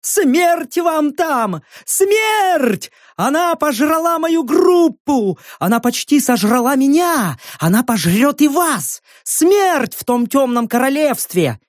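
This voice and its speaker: A shrieking crazed old hag. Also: female voice, sing-song, takes it slowly, few pauses, dry recording, studio quality, exaggerated voice. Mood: shrieking doom. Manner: shrill wailing, half-mechanical hollow voice. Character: crazed ragged old woman, shrieking doom.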